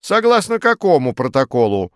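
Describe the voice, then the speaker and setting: A man's voice: on the high side, expressive, normal speed, clean tone, no room sound, clean studio sound, pitched above the performer's own voice, lightly acted. A man voicing a fussy, pedantic male official who lectures insistently.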